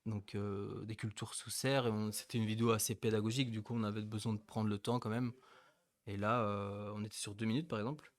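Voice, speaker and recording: A man co-hosting a webinar, explaining at a hesitant pace with many pauses and fillers. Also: fairly low pitch, level tone, no echo. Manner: hesitant, full of fillers and restarts, laughs easily. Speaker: co-host of a company webinar. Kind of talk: casual webinar chat.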